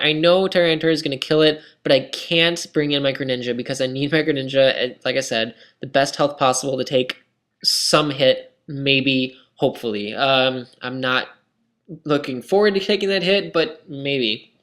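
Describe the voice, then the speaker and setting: His mid-range voice is fairly bright, though worn and scratchy. The young gaming commentator rambles casually over his own online match, often critical of himself.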